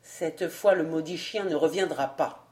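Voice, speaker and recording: A woman voicing a scheming, nervous nobleman in a storybook reading, speaking in a wheedling, tense and hushed way. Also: sits low, a little slow, voice pushed down. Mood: sly.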